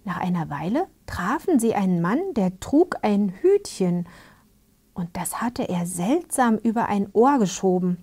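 A woman tells a fairy tale in a hushed whisper, soothing and unhurried. Her pace is very slow and her pitch sits in the middle. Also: very animated, breathy edge. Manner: hushed and soothing, invites listeners to get comfortable. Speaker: storyteller.

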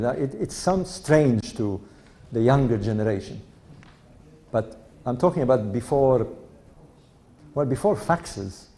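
In a storytelling talk before an audience, an older Egyptian man recounts his family story at a leisurely, anecdotal pace, now and then chuckling. He has a mellow, medium-pitched voice and a mixed European-Egyptian accent.

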